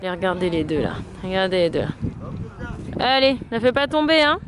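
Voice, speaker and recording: A woman in her thirties with a French accent, chatting excitedly and laughing as she films a family outing. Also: medium pitch, normal speed. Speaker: vlogger. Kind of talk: casual family vlog. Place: outdoors and in a visitor center. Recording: noisy outdoor camera audio.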